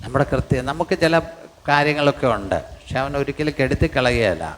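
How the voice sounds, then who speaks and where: A man's voice: medium pitch, lively intonation, fast talker, slight background noise. An older man, preaching a sermon emphatically and repeating lines for the congregation. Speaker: pastor. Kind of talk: sermon with congregation reading scripture.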